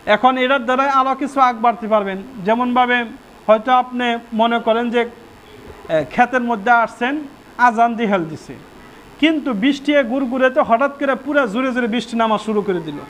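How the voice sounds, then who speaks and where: A man's voice: very high-pitched, moderate pace, a bit bright, a little hiss or hum. A man giving a Friday sermon as a mufti, asking the listeners questions and answering them himself. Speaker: mufti preacher. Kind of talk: Friday sermon on prayer rules.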